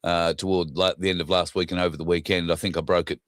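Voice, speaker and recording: Wheezy, deep-voiced man. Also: level tone, quick pace, no room sound, studio quality. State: chesty cough, getting over flu. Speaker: show host. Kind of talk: casual livestream chat.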